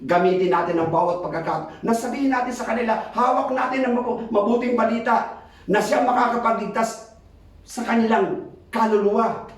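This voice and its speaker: A man preaching a sermon, switching between Tagalog and English and reading scripture aloud, emphatic and swinging between quick urging and slow drawn-out phrases. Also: extremely high pitch. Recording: very echoey hall, mic far off.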